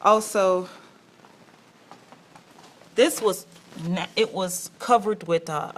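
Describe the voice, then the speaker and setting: A woman's voice: medium pitch, slow. A woman giving a casual walkthrough of her salon and its basement, chatty and exasperated, with wry laughs, filming on a handheld camera. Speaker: salon owner showing her space. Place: building basement and salon, indoors.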